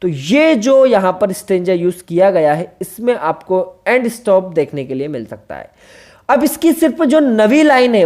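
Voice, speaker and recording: A woman's voice: medium pitch, a little mellow. Woman teaching a poetry lesson, spelling out terms. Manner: explanatory, repeats key terms and spells them out; checks in with listeners with rhetorical questions. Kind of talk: exam-prep literature lecture.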